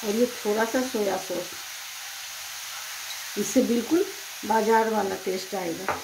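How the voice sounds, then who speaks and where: Speaking a little slowly in a medium-pitched voice, a woman voices over her home cooking demonstration, plainly explaining each step in her kitchen. Some background noise can be heard.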